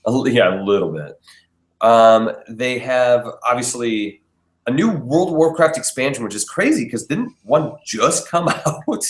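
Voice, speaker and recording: A man hosting a podcast in an almost empty basement, chatting in a relaxed, rambling way and chuckling often, his voice echoing off the bare room. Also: medium pitch, unhurried. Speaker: podcast host. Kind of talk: casual chat.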